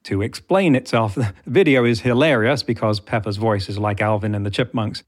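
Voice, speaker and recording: A man's voice: on the low side, a little fast. Wry male podcast host. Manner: wry, dry humour. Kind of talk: scripted podcast narration.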